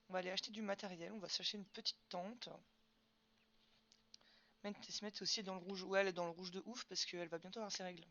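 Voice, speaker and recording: A young woman fields chat questions during a casual gaming live stream, leaning heavily on fillers. Her mid-range voice sounds pushed and bright.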